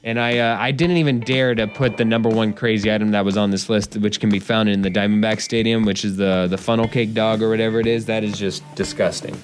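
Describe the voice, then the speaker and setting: A man's voice: fairly low pitch, flat delivery, fast talker, few pauses, soft background music. A young man co-hosting a casual podcast, quizzing his partner with a joking, playful delivery. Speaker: podcast co-host. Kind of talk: casual sports podcast chat.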